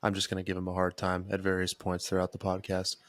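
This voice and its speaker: Mid twenties guy on a podcast, sarcastic and relaxed, lowish voice, dry sound. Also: quick pace, dry recording. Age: 20s. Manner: sarcastic, laid-back, swears casually. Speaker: podcast co-host. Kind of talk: casual podcast chat. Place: home office.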